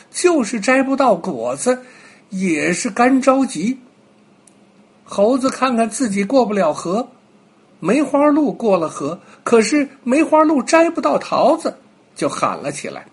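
An old grandpa narrates a children's bedtime story with a very husky, breathy voice. He speaks slowly and unhurriedly, in a gentle manner. His pitch sits high and moves in wide, animated swings. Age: older.

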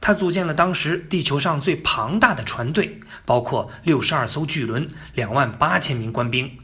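A man's voice: on the high side, normal speed, a bit bright. A man telling history as a casual story, colloquial and joking, with asides to the listener. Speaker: narrator.

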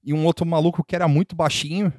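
A man's voice: on the high side, steady tone, fast, a little mellow, dry recording. Rambling man, dry mic. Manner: rambling, laughs often, many fillers. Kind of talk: casual storytelling chat.

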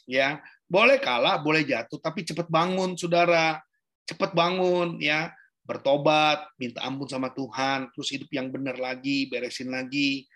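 A man's voice: fairly high pitch, bright, forceful tone. A male pastor preaching a sermon, often calling on his listeners directly and acting out little quoted scenes. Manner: conversational preaching, addresses listeners as Saudara, acts out quotes.

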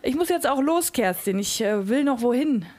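Nervous awkward man, played by a woman reader, halting, high tense voice. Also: expressive, a little mellow. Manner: hesitant, halting. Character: nervous awkward man trying to evict guest.

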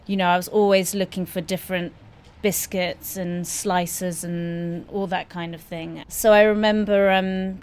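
A woman who owns a café and has written a cookbook, talking in a candid, chatty, self-deprecating way. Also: lowish voice. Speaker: café owner and cookbook author. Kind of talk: casual conversation.

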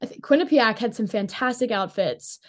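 A woman's voice: fairly high pitch, lively intonation, normal speed. A young woman from Pittsburgh, a college hockey player, chatting as a guest in a casual interview with a bubbly manner and plenty of "like" fillers. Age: young adult.

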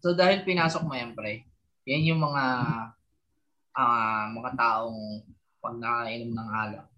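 A man's voice: medium pitch, steady tone, a little slow, bright, forceful tone. A young man telling a story in a casual podcast chat, laughing often. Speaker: podcast co-host. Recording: muffled lo-fi audio.

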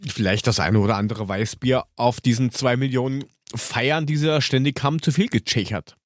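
A man with a mid-pitched voice, recorded dry without room sound. He co-hosts a casual football chat, retelling the news colloquially and dropping sardonic remarks. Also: normal speed, dry recording. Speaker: co-host of a football talk show.

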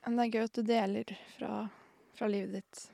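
A woman's voice: a little high, level tone, gravelly, warm tone, no echo. A woman hosting a casual interview, asking short questions and laughing along. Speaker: host.

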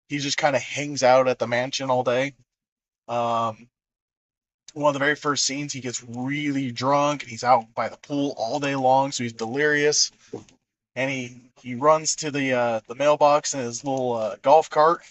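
A man's voice: medium pitch, fairly even intonation, normal speed, muffled recording. A man hosting a podcast in casual chat, rambling with many fillers and acting out movie quotes. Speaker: podcast host.

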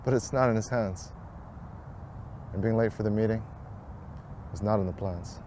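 A man reciting a rhyming ad in a steady, rhythmic cadence, with a lowish voice. Faint street sounds and vehicles sit behind him. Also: normal speed, slight background noise. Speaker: ad narrator. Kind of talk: rhyming scripted ad narration.

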